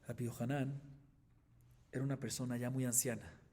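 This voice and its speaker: A man, a rabbi, teaching a Talmud class as a lively story, often asking his listeners questions and then answering them himself. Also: mid-range voice, moderate pace. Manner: animated teller who asks the class questions and answers them.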